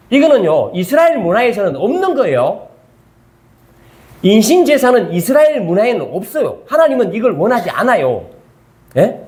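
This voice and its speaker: An older male pastor with a Gyeongsang accent preaches a Bible study sermon in a church. His voice sits high for a man and swings widely in pitch, and he keeps prodding his listeners with quick rhetorical check-ins. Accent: Gyeongsang Korean. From Gyeongsang region, South Korea.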